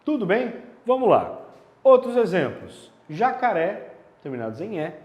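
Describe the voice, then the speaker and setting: A man's voice: high-pitched, very animated, unhurried, a little mellow. A man teaching a grammar lesson, explaining step by step and checking in with rhetorical questions. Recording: echoey room with long reverb.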